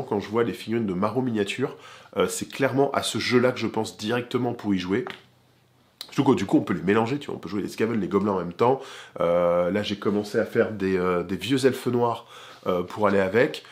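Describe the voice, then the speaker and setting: Guy with a lowish voice showing off a board game, laid back and chatty, talking right to you. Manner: chatty, informal, talks straight to the viewer. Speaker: board game channel host. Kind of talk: casual game presentation.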